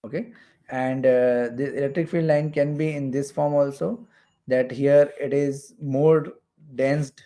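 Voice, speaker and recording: His voice is medium-pitched and mellow, with a steady tone and measured pace. He's a physics teacher from India giving an explanatory lecture for exam preparation, drawing diagrams and repeating phrases for emphasis along the way.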